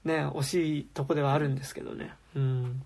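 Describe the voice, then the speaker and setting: A woman's voice: very deep voice, fairly quick, gravelly. A woman co-hosting a casual podcast chat about a TV drama, acting out quoted lines as she talks. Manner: animated, acts out quoted lines. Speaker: podcast co-host.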